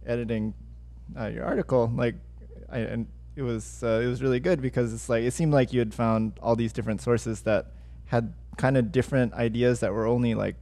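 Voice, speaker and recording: A man's voice: medium pitch, fairly even intonation, a little fast, warm tone. A man hosting a casual podcast, talking in a rambling way full of fillers and restarts. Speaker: podcast host.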